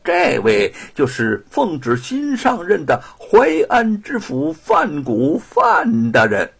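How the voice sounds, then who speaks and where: A man's voice: high voice, huge pitch swings, takes it slowly, vocal fry, fairly bright tone, breathy edge, pitched above the performer's own voice, full character voice. A man voicing a barking, fawning attendant of an official in a storytelling performance. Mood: bossy.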